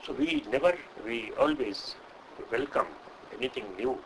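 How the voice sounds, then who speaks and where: An older man from India with an Indian English accent, a Sanskrit scholar answering an interview question in a measured, hesitant way. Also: mid-range voice, background noise. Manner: measured, hesitant with frequent uh, lecturing.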